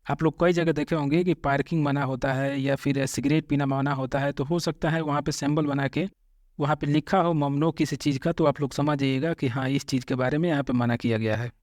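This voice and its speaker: A man teaching vocabulary, slowly repeating each word and patiently explaining common mistakes. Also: on the high side, steady tone, darkish tone, dry recording, clean studio sound. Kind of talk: Hindi-language vocabulary lesson.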